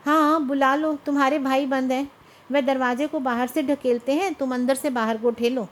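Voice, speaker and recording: A woman's voice: high-pitched, steady tone, moderate pace, natural voice. A woman voicing a bold, stubborn young village wife who speaks firmly. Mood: defiant. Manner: defiant, firm.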